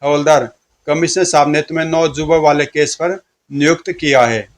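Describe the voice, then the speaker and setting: Man as a short-tempered station inspector, gruff and bossy. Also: fairly high pitch, steady tone, normal speed, natural voice. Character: irritable middle-aged male police inspector.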